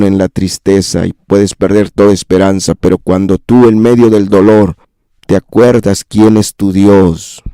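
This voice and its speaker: A man's voice: fairly low pitch, warm tone, no echo. A man preaching a sermon as pastor, addressing the congregation as brother and sister and building repetitive lists into impassioned pleas.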